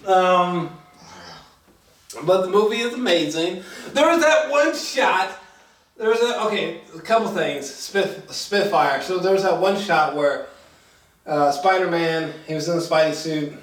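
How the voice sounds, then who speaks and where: A high-pitched movie reviewer chats casually and unscripted about a film, his slangy talk full of profanity. He tells it in an excitable, halting way, repeating himself, and the distant mic picks up a roomy echo.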